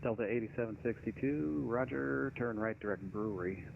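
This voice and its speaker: A man's voice: mid-range voice, fairly quick, creaky. A man working as an air traffic controller, giving procedural instructions over aviation radio. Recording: dull, noisy aviation radio.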